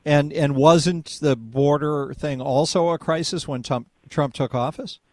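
A man's voice: on the high side, measured pace, a little mellow, dry recording. Probing male talk radio host. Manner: probing, leads the caller with questions. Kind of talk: call-in talk radio debate.

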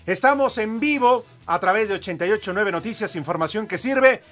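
A man's voice: sits high, lively intonation, brisk, fairly bright tone. A Mexican man hosting a live radio sports show, clowning and announcing with grand ringmaster greetings. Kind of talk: lively live radio banter and show introductions. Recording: studio radio with music underneath. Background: music.

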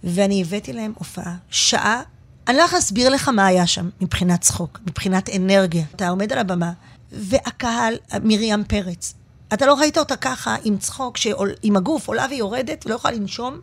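A woman comedian chatting as a guest in a radio studio, telling stories in an animated, expressive way. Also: medium pitch. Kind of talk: casual interview chat.

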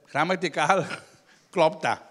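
This is a young Flemish comic on stage at a tent show, his voice a little high. He teases the people seated up front with long, wild yells.

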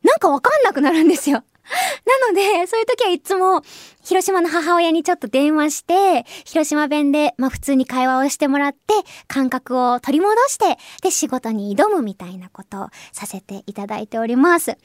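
High-voiced cheerful Japanese woman radio host. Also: animated, no room sound, clean studio sound. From Hiroshima, Japan. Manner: bright, cheerful and friendly, slow and careful in English, brisk in Japanese. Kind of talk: solo radio show, reading listener mail. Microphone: close studio microphone.

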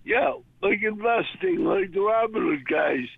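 An older man calling in to a radio show over the phone, talking in a rambling, halting way. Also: sits high, gravelly, a crowd in the background. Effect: heard over the phone. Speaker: caller. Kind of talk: casual call-in chat. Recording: tinny phone line.

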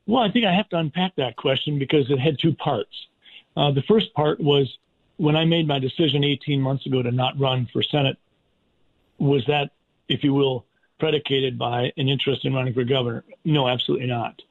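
An American man giving earnest, deliberate and emphatic answers as a radio interview guest, in formal wording. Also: medium pitch. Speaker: interview guest, doctor and politician. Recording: tinny phone-like line.

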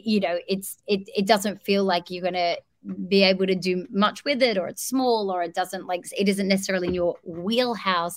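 An Australian woman answering interview questions in a loose, halting way. She searches for words with plenty of fillers and restarts. The sound is dry and close, with no room around it. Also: on the low side, no echo. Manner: hesitant, many fillers and restarts. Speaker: actress guest. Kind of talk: casual interview chat.

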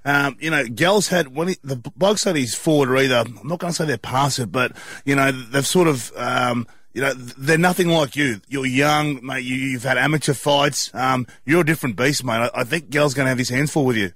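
A man's voice: mid-range voice, moderate pace, a bit bright, dry recording. A man with an Australian accent co-hosting sports radio, rambling and matey. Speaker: radio co-host.

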